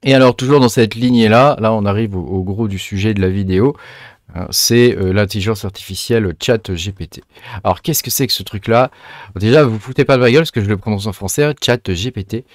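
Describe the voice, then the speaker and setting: Chatty man with a low, dry voice. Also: quick pace, dry recording. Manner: chatty, many fillers and restarts. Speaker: crypto and tech video host. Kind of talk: casual screen-share commentary.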